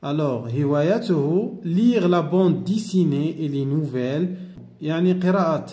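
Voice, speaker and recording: A man teaching a French lesson, reading French slowly and carefully and explaining it more quickly in Arabic. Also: on the high side, animated, dark tone, reverberant.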